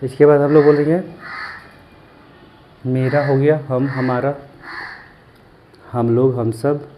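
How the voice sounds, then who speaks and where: A man giving a language lesson, slowly repeating each word and asking and answering his own questions. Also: medium pitch, level tone, dull audio, slight background noise. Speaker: language teacher.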